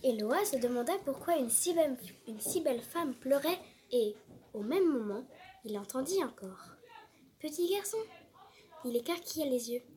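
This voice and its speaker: A woman reading a children's storybook aloud with expressive narration. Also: high voice, normal speed.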